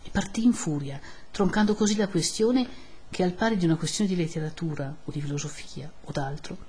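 A woman narrating a classic novel in a measured, expressive audiobook reading. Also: on the low side, slight background noise.

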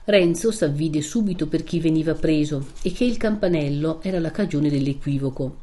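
A woman narrating a novel aloud in a measured, steady storytelling manner. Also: low-pitched.

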